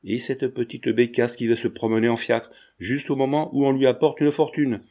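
A man's voice: mid-range voice, level tone, moderate pace, warm tone, natural voice. A man voicing a brash, joking male painter who talks in teasing, slangy banter. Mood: gleeful.

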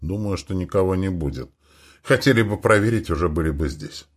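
A man's voice: deep voice, lively intonation, brisk. A man voicing a practical, stubborn young woman space traveler who answers bluntly. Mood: uncertain.

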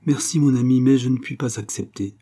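Audiobook: passionate young woman, pleading, read by a man, raised pitch, husky. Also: a little fast, dark tone. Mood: troubled. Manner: fervent, pleading. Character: young woman, pregnant, loving and impulsive. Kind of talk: audiobook reading.

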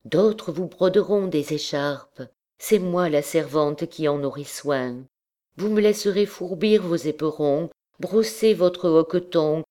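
A woman's voice: deep voice, dark tone. A woman voicing a young, desperate dancer girl who pleads passionately with the man she loves.

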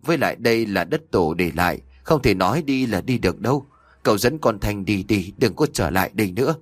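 A man's voice: on the low side, lively intonation, a little fast, no echo. A man reading as a distraught old father. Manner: pleading, scolding. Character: distraught old village father, blunt and remorseful.

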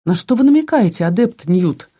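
A woman's voice: medium pitch, animated, takes it slowly, dark tone. A woman voicing a cold, sinister male necromancer dean who speaks in an icy, menacing tone.

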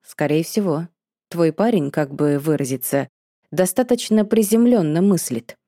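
A sarcastic, laid-back young man, as a female narrator plays him, with his voice dropped lower and delivered with quick, offhand dryness. The tone is dark and mellow, recorded close and dry. This is storybook dialogue. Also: animated, no room sound. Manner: dry, teasing, unhurried.

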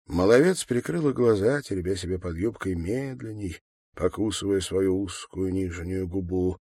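A man narrating an audiobook in a calm, measured way. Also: low-pitched, dry recording, studio quality. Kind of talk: audiobook reading.

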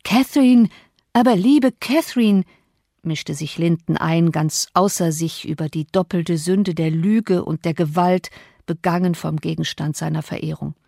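A woman narrating an audiobook in a measured, expressive way, recorded close to the mic. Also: sits low, vocal fry, no room sound. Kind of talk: scripted narration.

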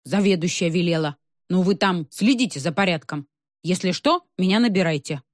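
Woman playing a massive gruff man, thick mumbling, reluctant, storybook reading, dry recording. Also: on the low side, normal speed, no room sound, close to an everyday voice. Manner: mumbling, as if with hot potato in mouth.

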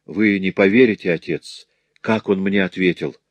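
A man's voice: low-pitched, normal speed, no room sound. A man voicing a frightened young woman servant who tells her story in a pleading way.

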